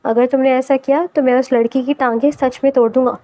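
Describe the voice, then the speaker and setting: Woman doing a gently lowered young professor, mellow tone, soft and affectionate, possessive, storybook romance. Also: steady tone, close to an everyday voice.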